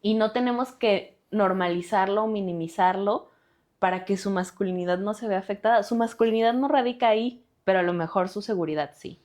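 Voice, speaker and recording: A woman's voice: medium pitch, brisk, darkish tone. A woman with a Mexican accent, a lawyer and activist, talking earnestly and directly as a guest on a podcast interview. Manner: earnest, direct, appealing to listeners.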